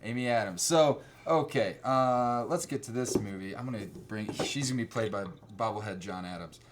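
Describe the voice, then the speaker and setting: A man's voice: medium pitch, normal speed. A man chatting loosely about films, full of fillers and half-finished thoughts. He slips into little acted bits of the scenes he describes. A faint hiss sits under the recording. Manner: rambling, laughing, acts out scenes. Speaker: host. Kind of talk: casual movie review chat.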